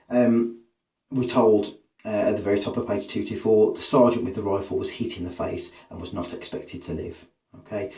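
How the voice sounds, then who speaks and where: Male teacher, low voice, recorded from a distance in a roomy space, talks through a literature lesson. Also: a little mellow. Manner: explanatory, reads quotes aloud, rhetorical tag questions. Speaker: English teacher. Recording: echoey room, voice from a distance.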